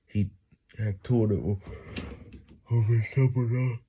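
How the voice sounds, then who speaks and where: A man's voice: on the low side, steady tone, slow, muffled recording, slight background noise. A man reading a novel aloud while doing push-ups, exerting himself, with sighs between phrases and words often broken off and repeated.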